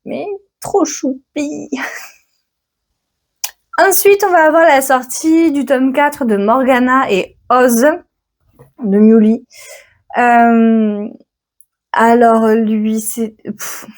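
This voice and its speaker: A woman's voice: fairly high pitch, fairly even intonation, takes it slowly, long pauses. A woman hosting a book channel, chatting casually and self-mockingly about upcoming releases while thinking aloud. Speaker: book vlogger. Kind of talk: casual chat about new books.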